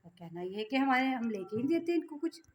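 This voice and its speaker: A woman's voice: sits high, big pitch swings, fast talker. A middle-aged woman from Pakistan vlogging casually, talking to her viewers in an exasperated, complaining way. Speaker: vlogger, mother. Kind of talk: casual vlog monologue.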